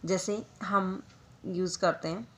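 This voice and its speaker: Slow-paced woman teaching chemistry. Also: lowish voice, steady tone, a bit bright. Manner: slow, deliberate, repeats key terms, addresses students as beta. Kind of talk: classroom lecture mixing Hindi and English.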